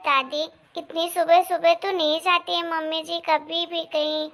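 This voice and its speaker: Meek, polite young daughter-in-law for a cartoon story, voiced by a woman; very high-pitched. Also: level tone, a little slow, a bit bright, exaggerated voice. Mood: worried. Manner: polite and worried.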